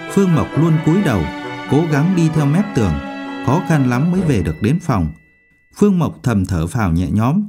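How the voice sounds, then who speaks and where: A man narrating a novel as an audiobook in an expressive storytelling manner. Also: mid-range voice, slightly rough.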